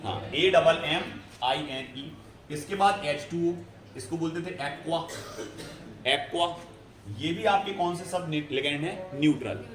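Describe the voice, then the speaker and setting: A man's voice: a little high, measured pace. A male chemistry teacher giving a classroom lecture, explaining step by step and often checking whether students follow. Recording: echoey room, faint ambience.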